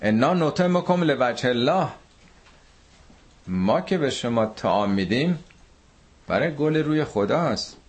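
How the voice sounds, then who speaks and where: A man from Iran teaching a Quran commentary class, reciting Arabic verses slowly and explaining them in everyday speech. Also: mid-range voice, expressive, slightly rough.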